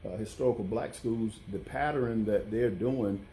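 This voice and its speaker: A man answering interview questions as a football coach, speaking haltingly and rephrasing as he goes. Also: fairly low pitch, warm tone, slight background noise, low-quality recording. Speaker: college football head coach.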